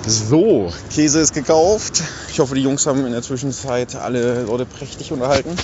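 A man's voice: mid-range voice, normal speed, mellow, soft background music. Man telling a story over dull lo-fi sound. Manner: storytelling, acts out the voices in his story. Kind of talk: casual recorded anecdote. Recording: dull lo-fi recording with faint vehicle noise.

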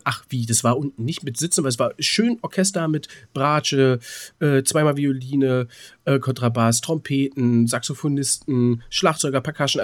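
A man co-hosts a podcast, chatting casually through rambling anecdotes and often hesitating as he hunts for words. His medium-pitched voice is captured in a dry, clean studio recording.

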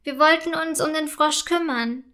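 A woman's voice: sits high, moderate pace, bright, forceful tone, pitched above the performer's own voice. A woman voicing a timid young girl with a small, piping voice. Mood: anxious.

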